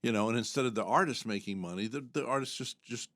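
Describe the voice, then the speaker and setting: A man's voice: medium pitch, quick pace, fairly bright tone, no room sound. An older man co-hosting a podcast, chatting casually and telling rambling, jokey stories. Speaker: podcast co-host. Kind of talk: casual chat.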